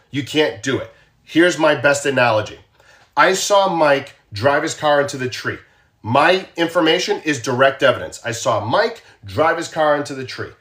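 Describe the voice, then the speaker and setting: With a slightly high, fairly bright voice, this former police officer from Boston talks casually to his true crime livestream audience. He often asks viewers questions and tends to repeat himself.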